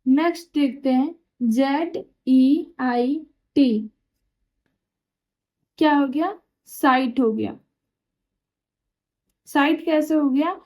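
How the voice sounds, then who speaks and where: A woman's voice: high-pitched, drawn-out words, pauses often, a little mellow. A woman teaching German pronunciation, who patiently asks questions and answers them herself. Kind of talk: explaining pronunciation rules.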